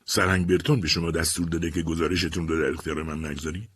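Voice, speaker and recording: An insistent, patient army captain defending a client, as a narrator puts him on in a storybook reading. His voice is very deep and breathy-husky, and he presses each question firmly. The recording is close and dry. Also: level tone, fairly bright tone, dry recording, exaggerated voice. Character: persistent male army captain and defense lawyer.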